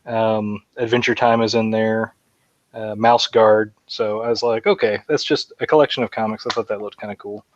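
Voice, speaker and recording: In a fairly low, steady voice at normal speed, a man co-hosts a podcast, wandering through eager fan talk with lots of fillers. The sound is dry and lo-fi.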